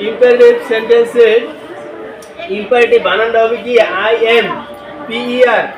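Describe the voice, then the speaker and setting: A man's voice: very high-pitched, level tone, moderate pace, crowd noise. A male teacher leading a classroom lesson, questioning the class and spelling words letter by letter. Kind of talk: classroom lecture with call-and-response. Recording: echoey classroom from a distance.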